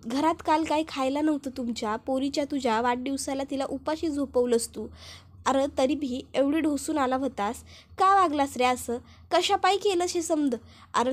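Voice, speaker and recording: A woman's voice: sits high, close to an everyday voice. Woman reading as scolding village auntie. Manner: scolding, blunt.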